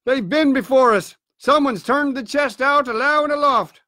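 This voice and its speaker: A man plays a rough pirate crewman from a storybook, reporting to his boss. He calls out in rustic sailor talk with a high, bright voice. The recording is very dry. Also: expressive, moderate pace, no room sound. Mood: excited. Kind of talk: storybook character acting.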